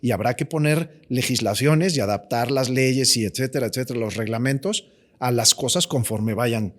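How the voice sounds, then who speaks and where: A man's voice: mid-range voice, moderate pace. A man with a Mexican Spanish accent, a physician talking as a guest in a podcast conversation, emphatic and often repeating words as he thinks.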